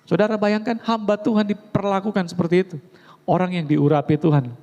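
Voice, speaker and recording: A male preacher, telling stories in an animated sermon and often addressing the congregation. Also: high-pitched, brisk, dull audio. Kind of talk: storytelling sermon. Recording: reverberant hall.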